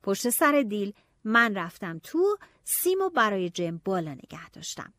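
A woman narrating a novel in the first person, telling it in a lively, expressive way. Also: mid-range voice, dry recording, clean studio sound. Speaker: audiobook narrator.

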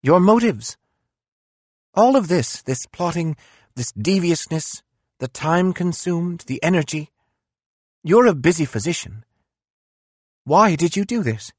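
Guy putting on a proud sick philosopher, voice pushed way up high, weak but sharp. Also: very animated, a little slow, pauses often, dry recording. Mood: probing. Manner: intense, accusing, weak-voiced. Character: weary, proud male philosopher with a migraine. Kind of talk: audiobook character voice.

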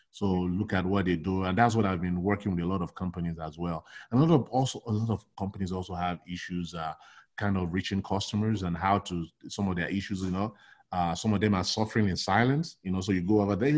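In a relaxed interview, a middle-aged man from Nigeria who works as a logistics consultant speaks with a fairly low pitch. He's lively, often restarts his sentences, and keeps saying "you know."

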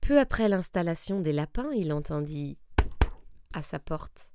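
A woman reading a children's picture book aloud, slow and deliberate. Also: deep voice, expressive, noisy background. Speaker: storyteller.

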